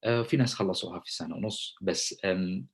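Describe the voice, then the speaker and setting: Man, Saudi accent, deep husky voice, hesitant lecture, Arabic-English code-switching, many ums. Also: fast talker. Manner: hesitant, many fillers, switches between languages. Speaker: presenting doctor. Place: Germany.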